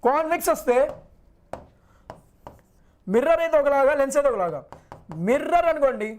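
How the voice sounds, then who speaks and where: A man's voice: extremely high pitch, expressive, a little fast, a little mellow. A male physics teacher in a live online class who reassures his students, repeats every point and asks and answers his own questions.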